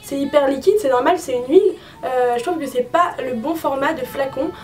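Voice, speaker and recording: A young woman with a high, bright voice chats frankly through a beauty product review, filling pauses with hesitations. She sits a bit back from the microphone, and faint music plays underneath. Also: far from the mic. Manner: chatty, frank, many fillers. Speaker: beauty vlogger.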